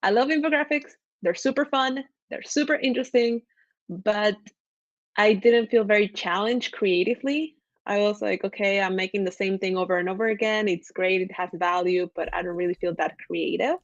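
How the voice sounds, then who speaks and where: A woman's voice: mid-range voice, moderate pace, no room sound. Woman from Ecuador, podcast guest, chatty, enthusiastic, dull dry call audio. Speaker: podcast guest, graphic designer. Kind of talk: casual video-call chat.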